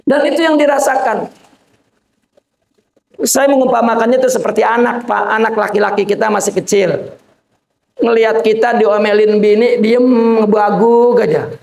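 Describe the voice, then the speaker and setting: A man's voice: high-pitched, steady tone, normal speed, vocal fry, pauses often, darkish tone. A man, a sheikh, giving an informal religious sermon to a gathering, talking colloquially with joking asides and addressing listeners directly. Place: Islamic boarding school gathering. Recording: echoey room.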